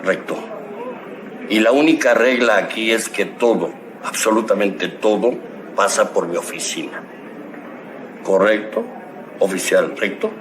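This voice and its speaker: A man's voice: lowish voice, measured pace, long pauses, background noise, lightly acted. An actor voicing a bossy, teasing male police chief in a cartoon, commanding and playful, with music behind him. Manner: commanding, playful, wordplay on a name. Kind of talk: cartoon voice acting.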